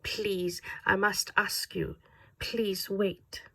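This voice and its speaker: A woman voicing a desperate German man with a thick German accent, speaking urgent, halting English. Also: mid-range voice, dry recording. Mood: pleading. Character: desperate German man calling over radio static.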